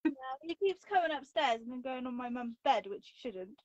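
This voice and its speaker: A woman's voice: high-pitched, animated, brisk, a little mellow, no echo. A woman chatting casually while colouring on a livestream, laughing often between remarks. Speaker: livestream co-host. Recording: dull, dry lo-fi livestream audio.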